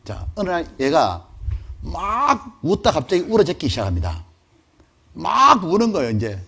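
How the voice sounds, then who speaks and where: Husky, animated man preaching. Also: a little high, normal speed. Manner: lively, conversational, asks the audience questions. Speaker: pastor. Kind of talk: sermon lecture to a congregation.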